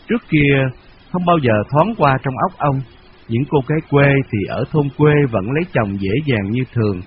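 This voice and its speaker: Man narrating a novel on lo-fi radio. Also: medium pitch. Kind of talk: audiobook novel reading. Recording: dull lo-fi radio recording with faint hiss.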